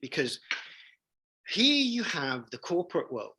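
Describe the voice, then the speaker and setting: A man's voice: fairly high pitch, big pitch swings, measured pace, bright, forceful tone, slightly rough, poor audio. Enthusiastic man in his forties. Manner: enthusiastic, emphatic, repeats phrases for emphasis. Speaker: leadership coach and trainer. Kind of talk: interview guest storytelling.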